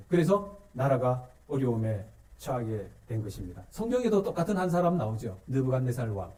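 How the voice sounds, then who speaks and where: A man's voice: mid-range voice, dark tone, far from the mic. A male pastor preaching a sermon to his congregation, asking them questions and repeating key words for emphasis. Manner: call-and-response questions to the congregation.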